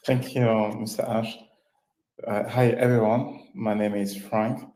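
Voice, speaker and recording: A man from Cameroon introducing himself as a software engineering team lead on a video call, measured and a little hesitant. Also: fairly low pitch, flat delivery, reverberant, slight background noise, poor audio. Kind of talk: brief self-introduction.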